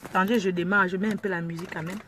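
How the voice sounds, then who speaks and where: A woman's voice: fairly low pitch, steady tone, rapid-fire. A woman vlogging from inside her car at a drive-through, chatting boisterously and mixing French with pidgin English. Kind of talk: casual self-filmed car vlog. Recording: noisy car ambience. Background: car and engine noise.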